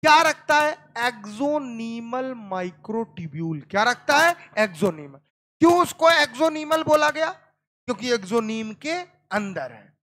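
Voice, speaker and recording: A man's voice: very high-pitched, animated, a little slow, fairly bright tone. A male biology teacher lecturing a classroom, repeating terms and asking students again and again whether they understood. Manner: keeps quizzing the class with repeated questions; calls students "beta".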